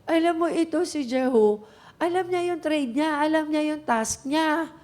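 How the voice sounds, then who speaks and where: A woman's voice: sits high, unhurried. Filipino woman pastor preaching. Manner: animated storytelling, mixes Tagalog and English, acts out voices in quotes. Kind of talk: sermon.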